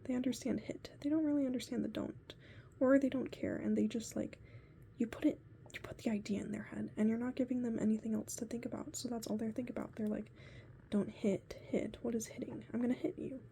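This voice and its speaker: A woman's voice: a little high, steady tone, fast talker, creaky, mellow, slight background noise. A woman recording a personal video diary on her phone, talking mostly in a whisper and rambling as she reflects on her goals. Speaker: video diarist. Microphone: phone camera.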